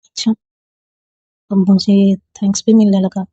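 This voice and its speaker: A woman's voice: mid-range voice, flat delivery, normal speed, slightly rough, dry recording, muffled recording, lightly acted. Siya, a woman reading as a shy young woman in love. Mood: affectionate. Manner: soft, pleading. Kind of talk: storybook dialogue read aloud.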